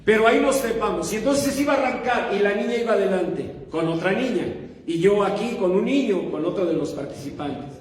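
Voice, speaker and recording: A male pastor preaching a sermon, telling a story with quick humorous asides and questions to the congregation. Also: sits high, animated, far from the mic. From Mexico. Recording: echoey hall, voice from afar.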